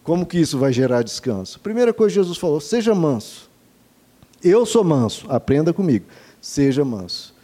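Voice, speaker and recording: A Brazilian male pastor delivers an earnest sermon in a fairly high, warm and mellow voice. He speaks to the congregation directly, asking rhetorical questions and building his points through repeated phrases. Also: very animated, normal speed. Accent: Brazilian Portuguese.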